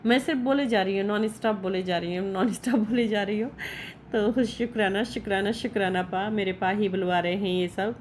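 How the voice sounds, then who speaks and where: A woman's voice: medium pitch, fairly even intonation, fairly quick, darkish tone, a little hiss or hum. A middle-aged woman recording a devotional gratitude talk at home. She speaks fervently, repeats her thanks again and again, and speaks straight to her guru. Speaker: devotee giving a gratitude testimony.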